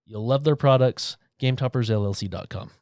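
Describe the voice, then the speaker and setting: A man's voice: mid-range voice, brisk, a little mellow, dry recording, studio quality. A man co-hosting a board game podcast, reading a sponsor message with upbeat enthusiasm. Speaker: podcast co-host. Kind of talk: sponsor read and casual chat.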